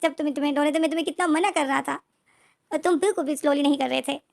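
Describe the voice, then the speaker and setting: A woman's voice: sits high, racing, creaky, voice pushed up. Woman doing a fiery whiny young man. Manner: loud complaining outbursts.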